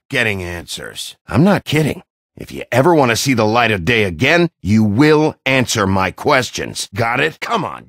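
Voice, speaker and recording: A gruff wolf-man detective from a video game. The voice is extremely deep and full of gravel, recorded close and dry. He speaks in terse, brooding, hard-boiled lines like a seasoned interrogator. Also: a bit bright, no room sound, heavily acted. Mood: controlled, probing, then angry, threatening. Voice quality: gravelly, husky growl.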